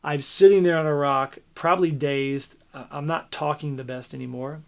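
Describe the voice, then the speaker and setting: A pastor speaks in a candid documentary interview. His voice sits a little high and carries a gravelly fry. He tells his story haltingly and keeps doubling back on his words. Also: fairly even intonation, darkish tone. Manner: candid, halting retelling with restarts.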